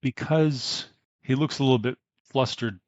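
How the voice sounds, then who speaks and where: A man narrating as game master of a tabletop game, pausing often with fillers. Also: medium pitch, a little mellow, no room sound, dull audio. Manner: hesitant with many fillers.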